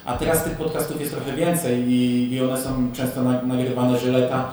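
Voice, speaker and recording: An easygoing man podcaster rambles through a relaxed panel chat. His voice carries across a very echoey room to a distant recorder, with faint hiss behind it. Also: medium pitch, normal speed.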